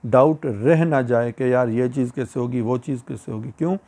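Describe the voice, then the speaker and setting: Warm in tone and moderately paced, this man's medium-pitched voice carries a Pakistani Urdu accent. He chats like a friend to his YouTube audience, giving advice and going over points again.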